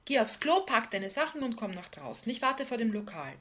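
A woman voicing an exuberant, flirtatious woman in her thirties who talks loudly and eagerly. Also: medium pitch, sing-song, moderate pace, slight background noise. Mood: coaxing. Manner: loud, bubbly, pushy.

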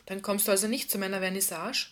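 A woman reading the part of a calm, gently persistent woman who speaks softly. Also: mid-range voice, moderate pace.

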